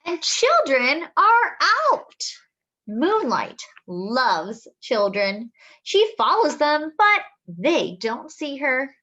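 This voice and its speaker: This high-pitched woman hosts story time, reading a picture book to young children with a sing-song lilt, stretched-out phrases, and small asides and questions. The recording is muffled.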